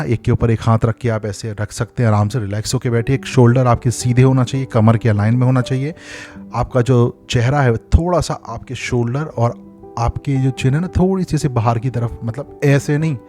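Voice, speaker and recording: A man's voice: medium pitch, darkish tone. A middle-aged man giving career advice in a casual talk to camera, mixing in English phrases and acting out short examples in a direct, reassuring way. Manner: mixes Hindi with English phrases, demonstrates by example. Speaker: career coach for hospital admin jobs.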